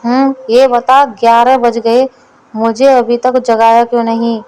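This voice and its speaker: A woman's voice: a little high, level tone, measured pace, a little mellow, a little hiss or hum, lightly acted, rough recording. A woman voicing a lazy, gluttonous fat man who grumbles and scolds his servant in a storybook. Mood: scolding.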